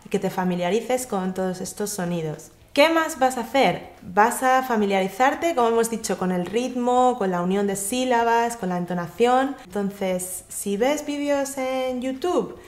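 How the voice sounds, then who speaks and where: A woman gives a lively, direct tutorial on English pronunciation straight to the viewer. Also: on the high side, unhurried, few pauses, reverberant. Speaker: English pronunciation teacher and YouTube host. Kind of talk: casual tutorial talk to camera.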